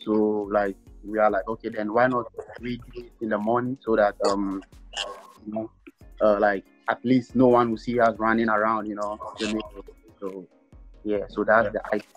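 A man, a pro soccer forward, explaining things in a relaxed way with many fillers. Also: on the low side, normal speed, faint music behind. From Ghana. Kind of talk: casual video-call chat. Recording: slightly dull lo-fi audio.

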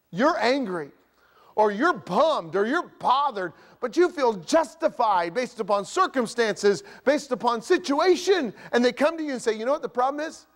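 High-voiced pastor preaching in a reverberant church. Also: male voice. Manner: animated preaching, acts out grumpy dialogue. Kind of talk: sermon. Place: church sanctuary.

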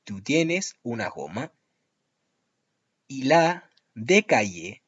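A man teaching French vocabulary to Spanish speakers, saying each example slowly and repeating it. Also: medium pitch, very animated, fairly bright tone, slightly rough, highs cut off. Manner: slow, drawn-out model pronunciations with repetition. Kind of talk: language lesson.

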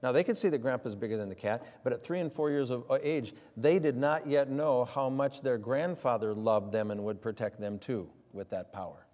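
A man's voice: medium pitch, moderate pace, few pauses, dark tone. Older man, folksy sermon, long church reverb. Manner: folksy storytelling with many fillers. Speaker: preacher. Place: church sanctuary.

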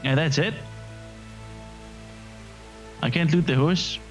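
A man's voice: a little high, slow, faint music behind. A man hosting a let's-play, giving casual, crude running commentary full of swearing and jokes. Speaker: gaming channel host.

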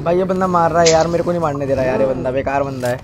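Male gamer, rapid teasing banter, game music up front. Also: on the high side. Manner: cheeky, teasing, flirty banter. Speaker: gamer streamer. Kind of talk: playful teasing game chat. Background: game music and vehicle sounds.

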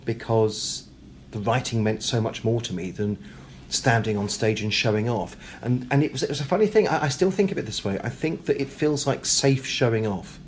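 Chatting as an interview guest, this British man is self-deprecating and talkative, speaking at a moderate pace in a medium pitch. His words come out hesitantly and repeated, and the room's ambience and background noise are plainly heard in the casual conversation.

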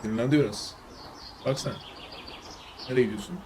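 A man streaming a game, commenting casually with wry asides that turn loud and excited. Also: mid-range voice, normal speed, noisy background. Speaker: gameplay streamer. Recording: game music playing behind.

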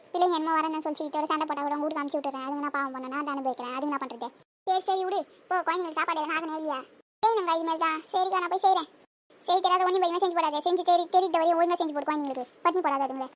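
A woman's voice: sits high, fairly even intonation, lightly acted. A woman doing a scolding mother. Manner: scolding, chatty, rapid. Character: harried village mother, scolding but caring. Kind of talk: cartoon voice acting.

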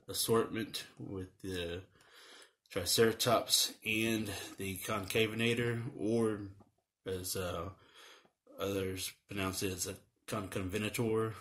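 A man with a very low voice talks through a toy unboxing at home. He rambles easily, filling pauses with "uh" and "um" and restarting his sentences. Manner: relaxed, rambling, many fillers and restarts. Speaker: toy reviewer. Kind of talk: casual unboxing review.

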